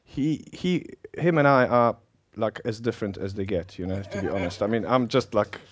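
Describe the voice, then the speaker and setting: A fairly low-pitched male voice at a moderate pace belongs to a middle-aged pastor who was born in Poland and lives in South Africa, speaking with a South African accent. His informal sermon is conversational and self-deprecating, and he laughs frequently.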